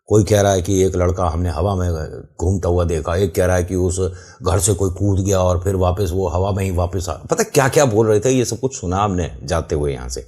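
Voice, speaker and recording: A man tells a first-person horror story in a relaxed, chatty manner, speaking directly to the listener and describing where everything was. His voice is low and dark with a husky grain, and his delivery is brisk.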